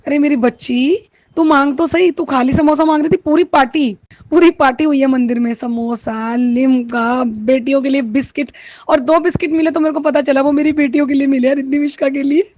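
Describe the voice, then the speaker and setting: A woman's voice: high-pitched, fairly even intonation, a little fast, darkish tone, no echo. A woman, sharing a heartfelt, tearful devotional testimony. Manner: tearful, heartfelt, mixes Hindi with Punjabi and English words.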